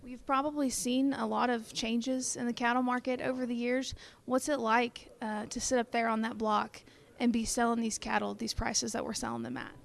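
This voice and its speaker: An American woman interviewer with a fairly high voice and noticeable vocal fry. She speaks conversationally and upbeat, as the host of a show. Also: level tone, normal speed. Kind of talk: broadcast interview.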